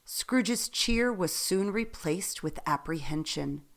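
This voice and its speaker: There's faint noise in the background as a woman tells a radio play story, her fairly low voice expressive and deliberate throughout.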